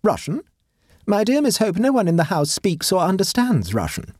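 Storybook: a bossy high-society matron, lofty and overbearing, as a male narrator puts her on, husky, ranging widely. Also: huge pitch swings, normal speed, a little mellow, dry recording, clean studio sound, full character voice. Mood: imperious. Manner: pompous, domineering. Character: imperious wealthy middle-aged woman employer.

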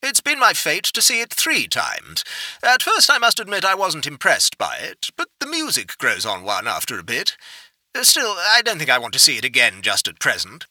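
A droll aristocratic lord on the telephone, drily ironic and teasing, his voice pushed loud and lively, as a narrator puts him on. The reading is close and dry, slightly husky. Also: fairly high pitch, moderate pace, no room sound, pitched above the performer's own voice, exaggerated voice, low-quality recording.

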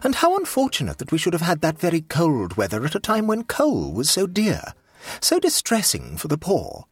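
A man's voice: on the high side, wildly swooping pitch, moderate pace, breathy edge, no echo, studio quality, soft background music, pitched above the performer's own voice, exaggerated voice. A man voicing an elderly, prim and fussy society duchess, gushing and pompous, in an audiobook. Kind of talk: audiobook character voice.

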